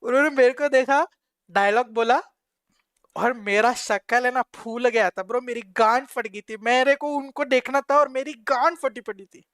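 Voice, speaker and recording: A young man with a Mumbai Hindi accent, a live streamer excitedly telling his chat a slangy, animated story. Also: very high voice, normal speed, no room sound, clean studio sound.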